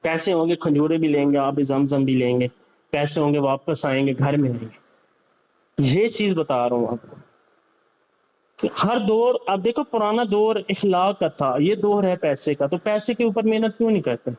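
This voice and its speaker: A young man with a fairly high voice lectures his sales team in a motivational talk, circling back to the same points again and again. He speaks directly to them. The recording sounds dull and lo-fi. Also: animated, a little mellow. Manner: lecturing, repetitive, addresses listeners directly. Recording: slightly dull, lo-fi audio.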